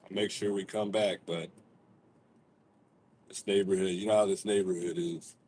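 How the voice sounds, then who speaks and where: A man's voice: deep voice, little pitch movement, normal speed, mellow, a little hiss or hum. A man chatting casually and playfully on a livestream as host, with slightly slushy speech from missing teeth, talking in a car. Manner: playful, slangy, informal. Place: inside a moving car.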